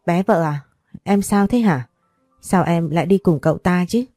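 A woman's voice: on the low side, normal speed, warm tone, no echo, studio quality, faint music behind. A woman voicing a jealous, possessive wealthy older man who scolds and pleads. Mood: pleading.

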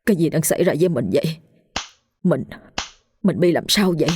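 A woman's voice: lowish voice, unhurried, a little mellow, slight background noise, close to an everyday voice. A woman voicing a frightened young office manager who stammers and trembles with guilt. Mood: panicked guilt.

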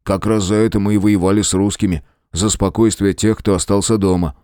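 A man's voice: on the low side, steady tone, brisk, mellow, clean tone, no echo, studio quality, lightly acted. A man voicing a blunt, loyal soldier brother who talks earnestly in an audiobook.

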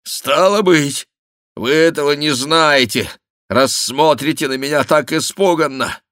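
A man's voice: on the low side, slow pace, no echo, studio quality. A man reading the part of an old baron maddened by grief for his daughter, in wailing, accusing outbursts. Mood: anguished. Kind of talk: audiobook character reading.

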